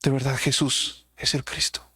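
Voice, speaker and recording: A man's voice: medium pitch, flat delivery, a little slow, bright, forceful tone, slightly rough. A man preaching a sermon, putting rhetorical questions to his congregation. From Mexico.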